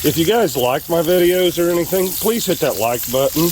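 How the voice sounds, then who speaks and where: A man hosts an outdoor cooking vlog in a relaxed, chatty way, with lots of ums and easy asides. His voice sits a bit high for a man. Faint background noise hangs under the outdoor recording. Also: moderate pace. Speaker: outdoor cooking channel host. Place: outdoors at a camp stove.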